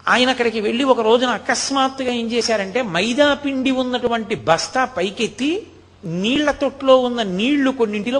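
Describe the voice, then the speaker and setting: Guy preaching, high voice, tells stories, chants verses slow. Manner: storytelling, chants verses slowly, raises voice for quoted shouts. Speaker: spiritual speaker. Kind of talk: devotional discourse.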